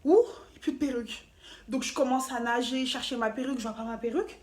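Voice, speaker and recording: A woman telling a story to camera in a casual, animated and slangy way, with playful asides. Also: fairly high pitch, fast talker. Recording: roomy echo, faint noise.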